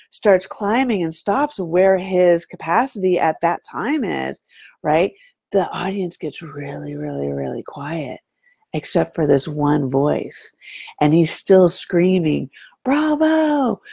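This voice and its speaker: A woman telling a story in a casual talk, animated and often checking in with "right?". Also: fairly low pitch, gravelly, slightly rough, no room sound, studio quality. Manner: animated, fond of saying "right?" to draw the listener in.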